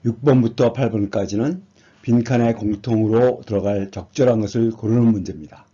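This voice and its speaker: A man's voice: fairly low pitch, fairly quick, warm tone, husky. A man teaching an exam prep lesson, patiently reading words and explaining them one by one. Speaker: English teacher. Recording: dull lo-fi sound.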